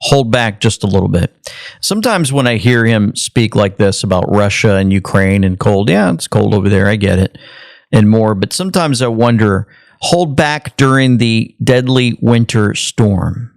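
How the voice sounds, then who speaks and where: A man's voice: fairly low pitch, expressive, normal speed, gravelly, dry recording, clean studio sound. A man hosting an online commentary show, reacting to news clips in a casual, musing way and reading a sponsor message. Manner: conversational, speculative, repeats phrases.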